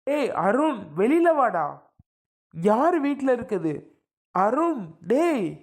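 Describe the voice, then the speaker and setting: A woman voicing an angry middle-aged father-in-law who shouts and scolds in a cartoon serial. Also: medium pitch, moderate pace, close to an everyday voice.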